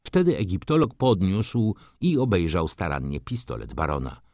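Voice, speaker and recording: A man narrating a classic novel as an audiobook, in an expressive, dramatic storytelling manner. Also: low-pitched, moderate pace, gravelly, no echo, studio quality.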